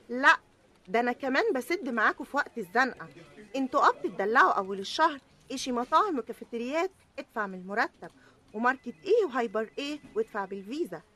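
A woman's voice: on the high side, a bit bright. A woman voicing a sassy, streetwise ration card. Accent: Egyptian. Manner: sassy, scolding.

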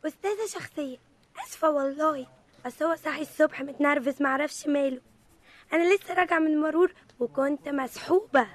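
A woman plays a flustered, apologetic wife in an Egyptian sketch. Her voice is high and her pace quick. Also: natural voice.

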